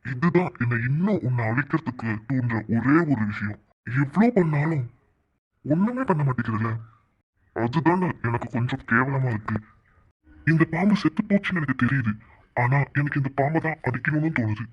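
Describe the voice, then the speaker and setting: A man voicing a gloating male villain in a cartoon, taunting his rival with slow, sneering threats. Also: mid-range voice, expressive, husky. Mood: menacing. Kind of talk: cartoon voice acting. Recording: dull lo-fi recording.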